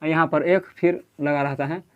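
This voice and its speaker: A man's voice: a little high, fairly even intonation, normal speed, narrow, tinny audio. A man with a Bihari accent teaching a lecture, who keeps asking the class questions and repeating key terms. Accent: Bihari Hindi. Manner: quizzing, repeats key terms, drawing at a board.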